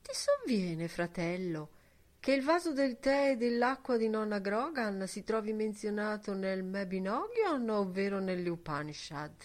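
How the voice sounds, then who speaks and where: A woman reading an audiobook, voicing a brash, mocking young man who talks loudly and theatrically. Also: medium pitch, expressive, measured pace, natural voice. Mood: mock-solemn. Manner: loud, theatrical, teasing.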